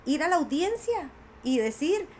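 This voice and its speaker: A woman recounts a hard personal story, high-voiced and intense. She slips into the voices of the people she quotes as she goes. A faint noise runs beneath the recording. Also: very animated, unhurried. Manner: vivid retelling, acts out quoted voices. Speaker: podcast guest, doctor.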